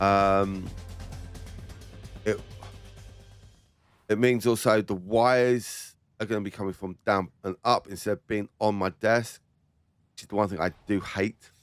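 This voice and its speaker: A man's voice: on the low side, steady tone, unhurried, pauses often, smooth, no room sound, faint music behind. A man chatting casually as he plays a game, with offhand, muttered asides. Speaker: gamer commenting while playing. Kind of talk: casual chat while gaming.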